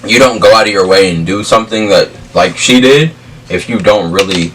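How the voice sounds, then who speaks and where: A man's voice: lowish voice, fairly quick, fairly bright tone. A young adult man chatting casually and telling stories in emphatic, slangy speech. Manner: slangy, emphatic, checks in with "you feel me" and "bro". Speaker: vlog co-host. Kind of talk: casual storytelling chat. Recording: distant mic, faint background noise.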